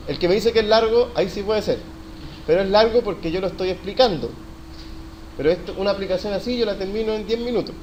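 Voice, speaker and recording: A man's voice: high-pitched, darkish tone. A man teaching a live university coding class, questioning students and praising their answers. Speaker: university lecturer. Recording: noisy classroom recording.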